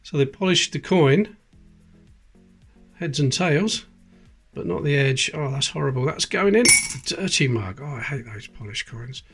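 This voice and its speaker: Here a British coin collecting host talks in a mid-range, fairly bright voice with lively intonation and an unhurried pace, faint music playing behind him. He sorts coins at an indoor table, chatting and calling out dates, with the close camera framing just his hands.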